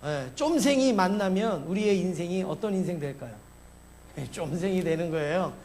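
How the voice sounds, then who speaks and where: A man's voice: sits high, animated, moderate pace, a little mellow, a little hiss or hum. A male pastor preaching a Sunday sermon, emphatic, asking the congregation questions and answering them himself.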